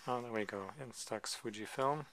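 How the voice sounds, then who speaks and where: A man casually presenting a photo book he is paging through at a table, talking in a relaxed, hesitant way with many ums and side remarks. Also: medium pitch, normal speed, background noise. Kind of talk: casual show-and-tell commentary. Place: indoors at a table, filming a book from above.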